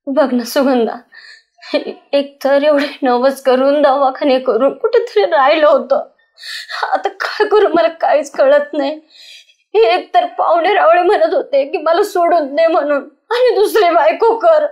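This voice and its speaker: An anxious rural wife, played by a woman, pleads in a village web drama. Her voice is high and she speaks tearfully. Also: unhurried, a little mellow. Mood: worried. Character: anxious village wife fearing her husband will leave her.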